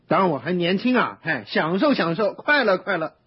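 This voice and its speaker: An actor playing a reckless, spoiled young son in a radio drama, eager and boastful, pleading and giggling. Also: male voice, sits high, very animated, normal speed, slightly rough, highs cut off, heavily acted. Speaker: prodigal son.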